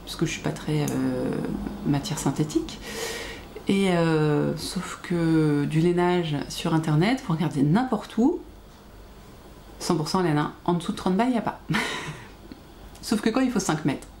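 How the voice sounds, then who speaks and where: A woman's voice: sits low, a little slow, long pauses, a little mellow. Woman, 30s, casual enthusiastic vlogger; roomy sound with faint background noise. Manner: chatty, enthusiastic, with frequent fillers and laughs. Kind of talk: casual chat. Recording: echoey room with faint ambient noise.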